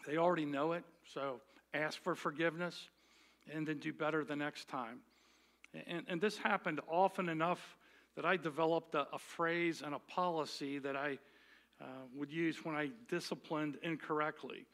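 A man's voice: on the high side, fairly even intonation, fairly bright tone. A middle-aged male pastor giving a sermon on parenting, often restarting and repeating words. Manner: halting, repeats words while speaking.

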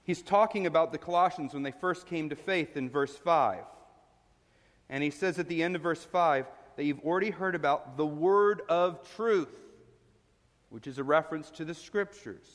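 A man's voice: fairly high pitch, moderate pace. A male pastor giving a sermon, earnest and explanatory, putting questions to his listeners. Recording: long reverb of a large hall.

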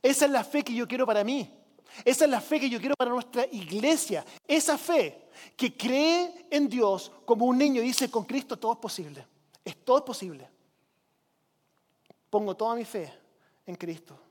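A man's voice: very high voice, animated, normal speed, in a large hall. A man preaching a sermon as pastor, urging his congregation to repeat lines with him. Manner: preaching with call-and-response to the congregation. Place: church.

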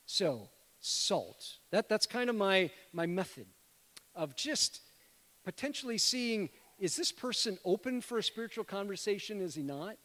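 Middle-aged male preacher, high voice, conversational sermon, long church reverb. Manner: conversational, addresses congregation as friends. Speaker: guest preacher, missionary. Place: church sanctuary.

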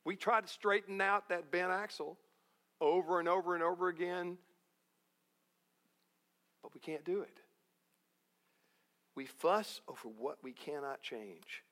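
A man's voice: sits high, a little slow, long pauses, a bit bright. A male pastor preaching a sermon in a folksy, joking way, repeating key phrases for emphasis. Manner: folksy, jokey, emphatic repetition.

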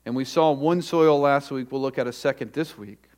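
A male pastor delivers a sermon at a pulpit microphone in a church sanctuary. His voice sits at an ordinary middle pitch for a man. He talks in a measured, emphatic way and leans hard on lists of repeated words. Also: a little mellow. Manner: deliberate, emphatic, slows for stressed repeated phrases. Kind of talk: sermon with opening prayer. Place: church sanctuary during a service.

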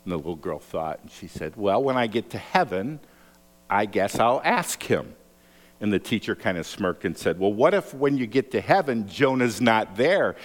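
A man preaching a sermon, telling stories with lively acted-out quotes. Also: normal speed. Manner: animated storytelling, acts out quotes with raised pitch. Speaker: pastor. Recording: long hall reverb.

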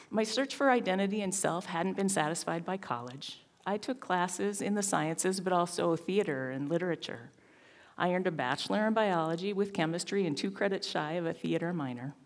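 Wry woman performing a monologue. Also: low voice. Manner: wry, self-deprecating. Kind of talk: performed spoken-word monologue.

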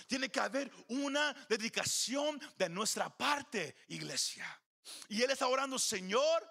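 High, bright-voiced earnest male preacher. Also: vocal fry. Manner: earnest, repeats words, mixes in English. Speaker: pastor. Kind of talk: sermon. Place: church.

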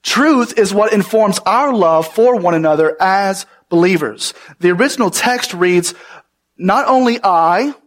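A man's voice: high-pitched, animated, unhurried, few pauses. A man preaching a sermon as pastor, earnest and emphatic, putting rhetorical questions to his congregation.

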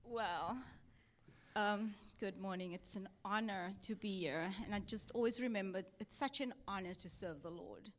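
A woman from South Africa, whose South African accent carries a touch of Texas, gives an earnest church testimony and exhortation as a visiting missionary. She speaks at medium pitch and normal speed, with soft laughs and many ums.

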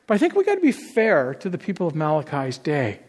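A man's voice: a little high, huge pitch swings, brisk, in a large hall. A man preaching a sermon as a pastor, earnest and conversational, building up to emphatic peaks on key phrases.

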